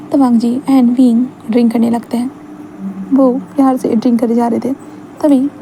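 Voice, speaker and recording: A woman's voice: on the high side, warm tone, slight background noise, rough recording. A woman narrating a fan fiction romance in a chatty, conversational way, like retelling it to a friend. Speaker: storyteller. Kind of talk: casual story narration.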